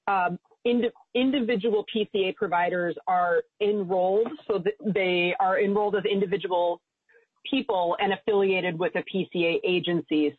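A woman's voice: medium pitch, husky, dry recording. A woman, a state agency director, giving formal testimony with frequent fillers, heard through remote call audio in a hearing recording. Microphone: video call link. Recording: thin phone-like, dry remote call line.

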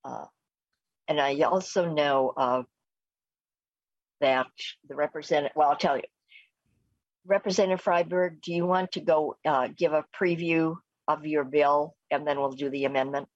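Halting American woman chairing, muffled dry audio. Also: sits low, steady tone, no echo. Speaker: committee chair. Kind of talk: formal procedural meeting talk. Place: remote meeting call. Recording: muffled lo-fi remote meeting audio.

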